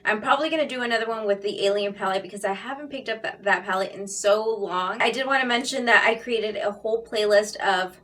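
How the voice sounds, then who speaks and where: A woman's voice: medium pitch, brisk, hardly any pauses, fairly bright tone, distant mic. A woman beauty vlogger chatting casually and directly to her viewers about makeup. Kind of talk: casual makeup vlog talk.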